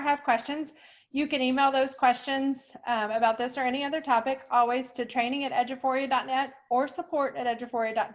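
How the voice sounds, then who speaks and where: A woman presenting an online software webinar, explaining in a chatty way with many fillers, a little out of breath. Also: high-pitched. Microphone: video call. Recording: dull lo-fi online call audio.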